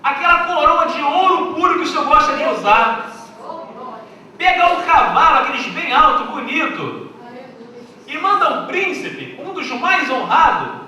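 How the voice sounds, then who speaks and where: A man's voice: very high voice, sing-song, unhurried, sharp tone, pitched above the performer's own voice, exaggerated voice. A man voicing a boastful, scheming royal official, heard from a distance in an echoey hall. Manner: swaggering, then deflated.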